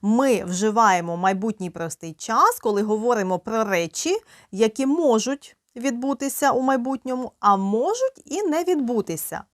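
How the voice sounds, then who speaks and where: A woman with a Ukrainian accent teaching English grammar, drilling slow example sentences with patient, clear explanations. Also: on the high side, animated, dry recording, clean studio sound. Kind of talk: grammar lesson.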